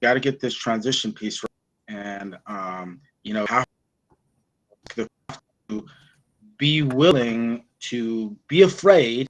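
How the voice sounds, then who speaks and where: A man calls in to a panel chat over a video link, and his audio keeps glitching and freezing mid-phrase. His voice sits in a middling pitch, and his speech comes out halting and broken up. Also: rough recording. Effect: glitching, freezing internet audio feed. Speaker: guest. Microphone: remote video call.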